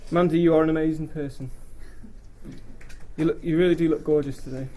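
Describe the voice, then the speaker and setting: A young man makes an informal groom's speech, halting as he works through his thanks. His voice sits fairly high, and the live recording has noise behind it. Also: steady tone, dark tone. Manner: hesitant, halting delivery. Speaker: groom giving a wedding speech.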